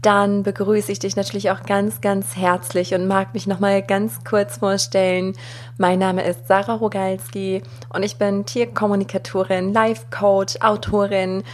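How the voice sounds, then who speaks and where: A woman hosting a podcast, speaking gently and from the heart, straight to the listener. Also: mid-range voice, little pitch movement, a little slow, slight background noise. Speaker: podcast host. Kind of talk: warm solo podcast intro.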